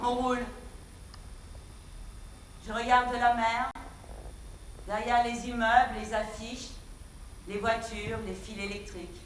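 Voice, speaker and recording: A woman's voice: a little high, level tone, slow, long pauses, a little hiss or hum. An actress in a stage play playing a woman searching for her lost necklace. She explains at length in an earnest way and stammers when flustered. She is recorded from far off in an echoey theatre. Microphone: distant room mic. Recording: echoey hall from far off, music behind.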